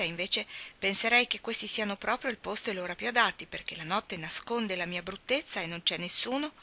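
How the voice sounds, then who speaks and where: A woman reading the part of a plain young country girl who speaks softly and gently. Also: mid-range voice. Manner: soft, gentle, caressing.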